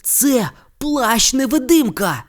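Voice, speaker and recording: The audiobook reader voices an excitable boy wizard, speaking in high, eager exclamations. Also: unhurried. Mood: excited. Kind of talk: audiobook character reading.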